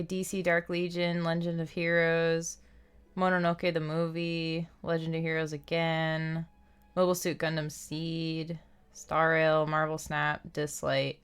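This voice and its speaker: A woman livestreaming a game chats casually and reacts as she plays, from an indoor setup with music behind her. Her voice sits low, with a fairly bright, clear, resonant tone.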